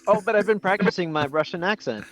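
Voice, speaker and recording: Joking tabletop player, animated man. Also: high voice, quick pace, faint music behind, rough recording. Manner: joking, playful. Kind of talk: casual tabletop game chat.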